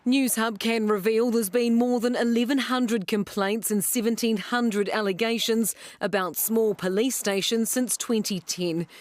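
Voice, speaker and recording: Woman, New Zealand accent, news report narration, higher pitch, dry sound. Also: fairly even intonation, a little slow, hardly any pauses, dry recording.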